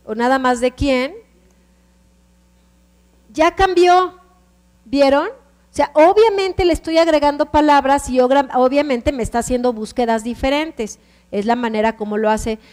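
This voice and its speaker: High-voiced Mexican woman teaching a class. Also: measured pace, long pauses, darkish tone, in a large hall. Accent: Mexican Spanish. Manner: explains step by step, checks in with the class often. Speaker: computer class instructor.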